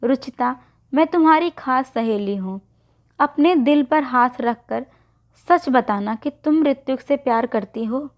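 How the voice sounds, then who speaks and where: A woman's voice: high-pitched, measured pace. Insistent young best friend, voiced by a woman narrator. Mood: reproachful. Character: young woman, bride's pushy close friend. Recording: dull lo-fi recording.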